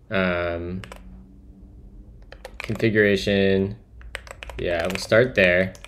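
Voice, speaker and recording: A man's voice: low voice, a little hiss or hum. A man live-coding on a stream, thinking aloud and talking to chat in a musing, trailing-off way as he types.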